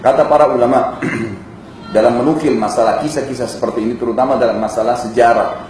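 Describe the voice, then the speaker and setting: A man preaching, telling a story with lively emphasis and speaking directly to his audience in a mosque hall. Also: medium pitch, quick pace, slight background noise. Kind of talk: storytelling sermon. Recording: echoey hall with faint ambience.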